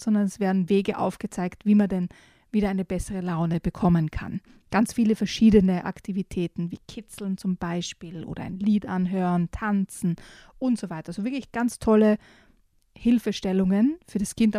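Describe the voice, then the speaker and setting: Enthusiastic female book reviewer, mellow voice, dry close sound. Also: mid-range voice, dry recording. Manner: warmly enthusiastic, reads aloud. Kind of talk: casual book review chat.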